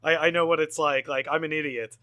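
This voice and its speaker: A man speaking as a podcast guest in casual chat, halting, with frequent stammers and restarts. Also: on the high side, fairly even intonation, a crowd in the background.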